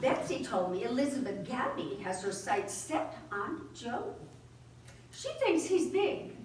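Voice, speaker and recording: A woman's voice: fairly high pitch, big pitch swings, measured pace, slight background noise. A woman playing a prim, needling, gossipy old friend in a community theater play. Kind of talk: community stage play acting. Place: theater stage in a hall. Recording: echoey hall, miked from far off.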